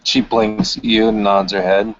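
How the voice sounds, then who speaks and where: A man's voice: fairly low pitch, level tone, moderate pace. A man playing a tabletop game, asking hesitant questions full of fillers. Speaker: tabletop player. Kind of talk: casual role-play chat. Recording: dull lo-fi sound with faint noise.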